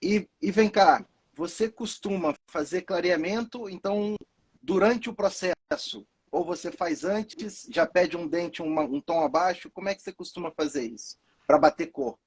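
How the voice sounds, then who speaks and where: A man's voice: high voice, moderate pace, breathy edge. A man asking a fellow dentist questions in casual conversation. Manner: inquisitive, short prompts.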